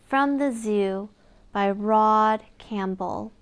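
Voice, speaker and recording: In a smooth, medium-pitched voice that draws out its words, a woman reads a picture book aloud to young children, storytelling expressively with exaggerated wonder for her small listeners.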